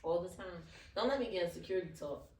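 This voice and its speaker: A woman from Philadelphia co-hosting a casual podcast chat, playful and profane, often dropping her voice low. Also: fast talker, a little mellow. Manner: playful, denying with a laugh, drops her voice low. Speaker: podcast co-host. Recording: roomy, distant mic with faint noise.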